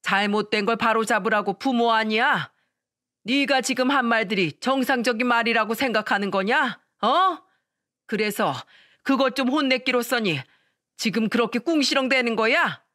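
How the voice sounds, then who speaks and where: A woman voicing an elderly father-in-law who shouts rebukes at his daughter-in-law in a story radio reading. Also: a little high, moderate pace, dry recording, clean studio sound, voice pushed up. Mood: furious scolding. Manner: shouting rebukes, raised and strained. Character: stern elderly father-in-law, furious scolding man.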